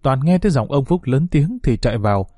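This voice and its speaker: A man reads a dramatic story aloud with steady, even narration. His tone is dark and mellow, and the recording is close and dry. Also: medium pitch, brisk, no echo. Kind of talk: scripted audiobook narration.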